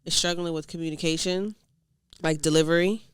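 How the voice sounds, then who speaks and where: A woman's voice: fairly low pitch, steady tone, brisk, smooth, no echo, clean studio sound. A young woman with a New York accent, co-hosting a casual chat, blunt but hesitant, often trailing off. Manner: blunt, hesitant, many "I don't know". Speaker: podcast co-host.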